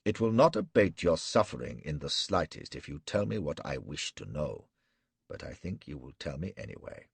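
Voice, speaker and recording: A man performs a menacing warlord in an audiobook, cold, cruel, and mocking, drawing out measured threats with slow, gloating relish. His very deep, gravelly voice turns husky at the edges and is very animated and exaggerated. The recording is close and dry.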